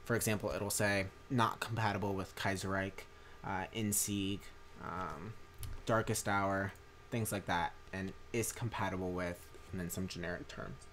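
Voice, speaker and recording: Young male streamer, low voice, rambly and tired, faint hiss behind. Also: steady tone, normal speed, fairly bright tone. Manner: rambling, many fillers and restarts. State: tired from a long day. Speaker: streamer and mod maker. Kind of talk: casual livestream commentary.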